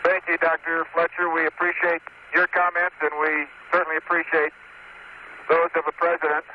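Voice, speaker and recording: A man speaking as an astronaut in a measured, solemn formal address, heard over a crackly space radio transmission. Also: on the high side, monotone. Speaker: astronaut on the lunar surface. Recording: noisy, muffled radio link.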